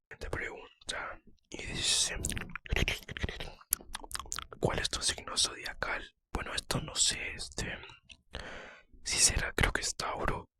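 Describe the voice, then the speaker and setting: Man whispering bright, breathy ASMR. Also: slow pace, pauses often. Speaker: ASMR creator answering viewer questions. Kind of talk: whispered ASMR, casual personal Q&A.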